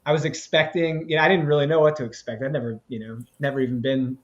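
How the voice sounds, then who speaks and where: A live interview stream host tells rambling, filler-heavy stories in a fast-talking, mid-range voice with little pitch movement. The audio is slightly dull and lo-fi.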